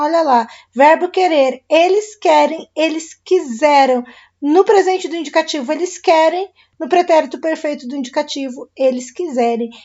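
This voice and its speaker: High-voiced Brazilian woman teaching patiently. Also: dark tone, dull audio. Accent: Brazilian Portuguese. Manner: patient, explains step by step, checks in with "certo?". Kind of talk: recorded online grammar lesson.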